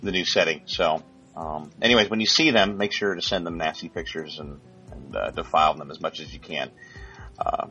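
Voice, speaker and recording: Deep voiced guy hosting a gaming podcast, lots of ums, crude jokes, muffled lo-fi mic. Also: fairly quick, bright, forceful tone, faint music behind. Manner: rambling, many fillers, crude jokes. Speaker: podcast host. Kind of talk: casual gaming podcast chat.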